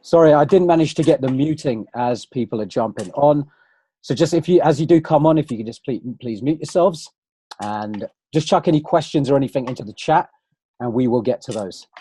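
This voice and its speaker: A man's voice: medium pitch, fairly quick, warm tone, slightly rough, dry recording. A man hosting an online webinar in a casual, conversational way, talking straight to viewers over a computer microphone. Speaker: webinar host.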